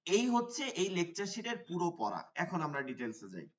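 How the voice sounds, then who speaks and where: A man teaching a Quran recitation class online, explaining letter sounds and drawing out the recitation examples slowly. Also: high voice, wildly swooping pitch. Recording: dull sound from away from the mic.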